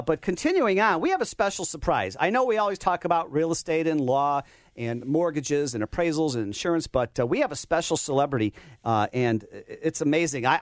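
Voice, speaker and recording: A man's voice: on the high side, no room sound. A man hosting a radio show in a chatty, unscripted, effusive way, on a close studio microphone.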